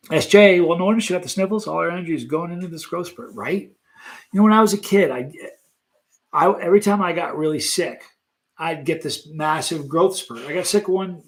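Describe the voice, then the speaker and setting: Man, nearly sixty, hosting a live stream; chatty, animated, laughs a lot, voice on the higher side. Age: 50s. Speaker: channel host reading live chat. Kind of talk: casual live-stream chat.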